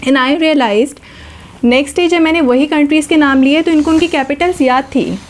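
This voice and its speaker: A woman's voice: sits high, normal speed, rough recording. A woman in her thirties, a mother, explaining to a reporter with small hesitations. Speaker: mother of the interviewed children. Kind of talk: interview answers.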